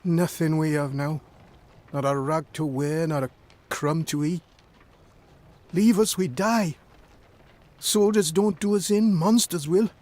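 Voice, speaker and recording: Ragged pleading peasant man, voiced by a male storyteller, pitched up. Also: fairly even intonation, slow pace, long pauses, a little mellow. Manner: pleading, rustic. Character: desperate poor freed peasant man.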